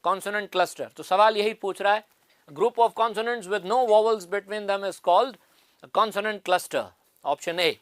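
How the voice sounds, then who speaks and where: A man's voice: sits high, slow pace, a bit bright, no room sound. A man teaching an exam-prep phonetics lesson, explaining step by step and repeating the key answers.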